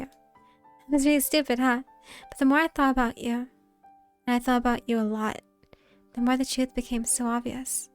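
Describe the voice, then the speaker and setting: A woman's voice: a little high, close to an everyday voice. A woman voicing an obsessive young woman in a story game, breathless, clingy and pleading, at times sinking to a whisper. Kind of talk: dramatic reading of a story game.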